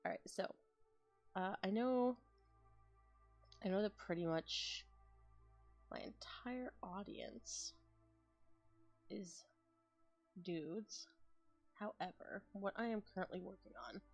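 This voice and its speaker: A tired young woman streaming, chatting casually and thinking out loud with frequent laughs. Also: mid-range voice, takes it slowly, pauses often, soft background music. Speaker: ASMR streamer. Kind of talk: casual chat on a live stream.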